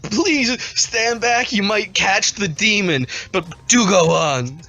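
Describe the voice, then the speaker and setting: A showy fake psychic, played by a man, speaks slowly and grandly in a raised, bright voice. He bluffs with an unhurried swagger. Faint music sits behind him. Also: high voice, voice pushed up, heavily acted. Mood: pompous. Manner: theatrical, slow and showy, bluffing. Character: smooth-talking conman posing as a psychic, grown man.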